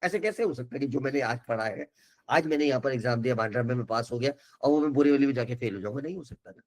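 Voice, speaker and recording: A man's voice: medium pitch, fast, darkish tone. An older man, an education counsellor giving an earnest, reassuring webinar talk that keeps switching between Hindi and English.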